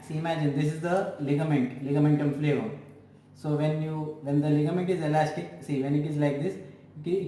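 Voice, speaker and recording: Guy teaching physio, kinda high voice, keeps repeating stuff, echoey room. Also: a little mellow. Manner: slow, repetitive explaining with frequent restarts. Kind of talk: explanatory lecture. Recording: echoey room with faint ambient noise.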